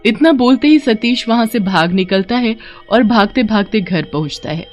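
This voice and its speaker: A woman narrating a cartoon story in a soft, steady storytelling voice. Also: on the high side, moderate pace, soft background music.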